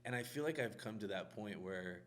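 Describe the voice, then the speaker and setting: A man's voice: lowish voice, lively intonation, brisk, fairly bright tone, slight background noise. A man who is a contractor, co-hosting a podcast in casual chat, talking in a loose, rambling way. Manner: loose, rambling, full of "like" fillers.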